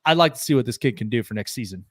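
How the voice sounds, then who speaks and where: A man's voice: medium pitch, expressive, very fast, slightly rough, no room sound, studio quality. Rambling baseball podcast man. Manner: rambling, many restarts and fillers, enthusiastic. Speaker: podcast co-host. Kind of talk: casual sports chat.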